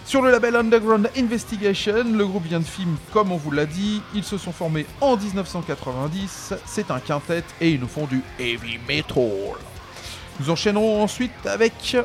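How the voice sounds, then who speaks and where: Sex: man. Role: rock radio co-host. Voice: high and very animated. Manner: jokey, punning banter. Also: normal speed, faint music behind. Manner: jokey and laughing, with wordplay.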